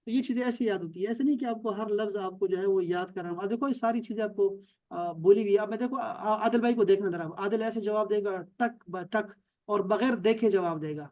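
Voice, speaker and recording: A man with a notably high voice leads an online language class over a video call. He speaks emphatically, pressing points home. He drills words again and again until they stick. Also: mellow, highs cut off. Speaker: Arabic teacher.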